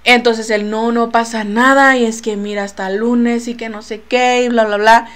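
A woman's voice: on the high side, normal speed. A young woman with a Mexican accent tells a personal story to her viewers in casual chat, acting out what each person said and trailing off with filler phrases, recorded on her laptop mic. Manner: animated, acts out quoted voices, trails off with "bla, bla, bla". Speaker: vlogger.

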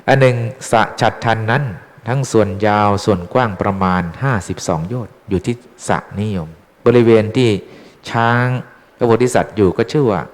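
A Buddhist monk giving an informal, chatty dharma talk, teasing his listeners with questions. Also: on the low side. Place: temple hall. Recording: long hall reverb.

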